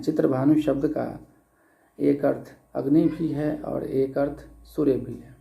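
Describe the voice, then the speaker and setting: A male college lecturer from India giving a slow, deliberate recorded lecture, pausing often with fillers and calling his listeners friends. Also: mid-range voice, creaky, mellow, echoey room. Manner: slow deliberate explaining with many pauses and fillers.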